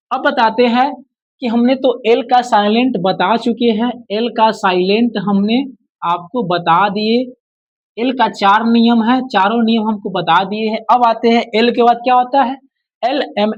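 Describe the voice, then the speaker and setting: A breathy edge colors this man's high voice, and the recording has its highs cut off. Teaching spelling in a classroom manner, he asks something and repeats the answer many times through call-and-response.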